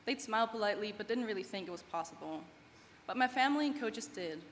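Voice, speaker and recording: A German woman in her twenties, not a native English speaker, gives an earnest, heartfelt student speech at a graduation ceremony, a prepared commencement address. Her mid-range voice is animated and fast. The large event hall gives long reverb, with faint background noise.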